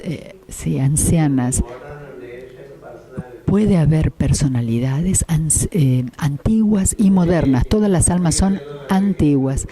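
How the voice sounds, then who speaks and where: A man giving a spiritual lecture, speaking in a measured way with pauses and restarts, repeating key phrases. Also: on the high side, mellow. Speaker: spiritual teacher.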